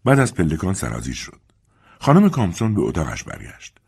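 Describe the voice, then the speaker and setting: Male narrator for a literary audiobook; low, husky, expressive.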